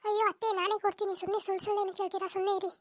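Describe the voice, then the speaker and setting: A squeaky, rapid-fire young daughter-in-law, played by a woman, quick with comebacks in a cartoon household squabble. The voice sits very high and runs very fast, recorded dry and close. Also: flat delivery, no room sound. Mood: defensive. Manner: quick, retorting, argumentative. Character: sharp-tongued young daughter-in-law, defensive. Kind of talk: comic cartoon dub.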